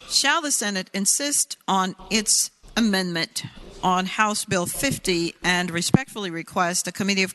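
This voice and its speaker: A woman presiding over a state senate session, briskly reciting formal voting calls. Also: fairly low pitch, sharp tone. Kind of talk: formal parliamentary procedure. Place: legislative chamber.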